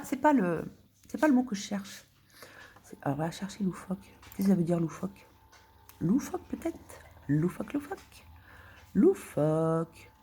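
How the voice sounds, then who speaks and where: Muttering and whispering as she searches for words, a vlogger from France thinks aloud in a casual monologue punctuated by indignant outbursts. She has a deep, creaky, mellow voice with a breathy edge.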